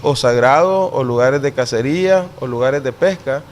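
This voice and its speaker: A man with a Nicaraguan Caribbean coast Spanish accent explains things deliberately during an interview, frequently checking for agreement with short tag questions. His voice is mid-range, with slight background noise.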